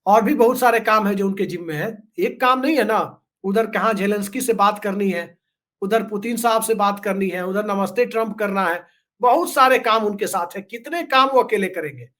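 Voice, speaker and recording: Guy with a pretty high voice riffing sarcastically on politics, jokes and little stories. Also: normal speed, fairly bright tone. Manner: sarcastic, joking, storytelling asides. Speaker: political commentator guest. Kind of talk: casual political discussion.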